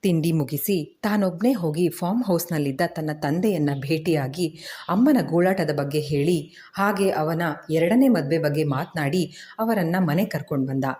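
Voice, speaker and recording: A woman narrating a family story in a steady, emotive storytelling style. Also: low-pitched, normal speed.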